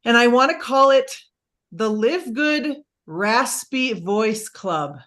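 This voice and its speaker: A woman with a somewhat high voice gives a pep talk on a company call. She gushes with breathless excitement and hurries through her thanks and stories. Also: slow. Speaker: guest speaker on a company call.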